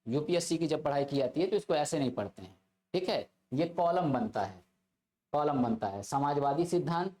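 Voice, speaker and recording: A man's voice: a little high, lively intonation, moderate pace, mellow. Man lecturing, repeating key phrases. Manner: repeats key phrases, checks in with "theek hai" often. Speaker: polity teacher. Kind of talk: classroom lecture to exam students.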